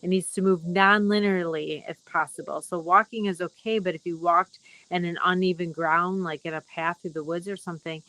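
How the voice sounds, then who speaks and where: A middle-aged woman hosting a casual live wellness broadcast, speaking gently and rambling with many fillers. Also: lowish voice, steady tone, moderate pace, hardly any pauses, no echo, low-quality recording. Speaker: wellness talk host.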